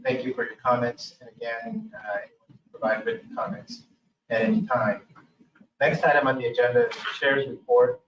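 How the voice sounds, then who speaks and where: A man chairing a public commission meeting, reading procedural items and pausing often on "uh". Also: mid-range voice, big pitch swings, slight background noise. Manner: procedural, with frequent "uh" pauses. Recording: echoey room, mic far off, dull sound.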